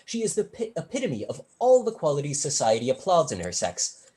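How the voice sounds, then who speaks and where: A young adult student actor plays a brazen, silver-tongued male tutor from a period stage comedy, delivering long, ornately formal sentences with a freely swooping pitch. His manner is arch, witty and smoothly flattering, the pace brisk, the mood unruffled and mocking.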